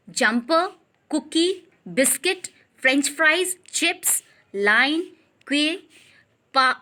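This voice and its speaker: With a bright, forceful tone and a voice that sits high, a young woman leads a grammar lesson. She reads out English lines in a slow, deliberate way, then patiently explains them, regularly checking in with her listeners.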